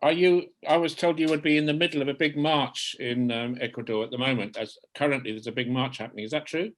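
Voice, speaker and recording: A man moderating an online seminar, cutting in with quick questions. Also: medium pitch, a bit bright.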